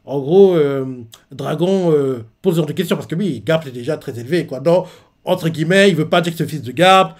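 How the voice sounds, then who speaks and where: A man's voice: a little high, brisk. A man reading a manga chapter live and reacting in a chatty way, full of fillers and speculation.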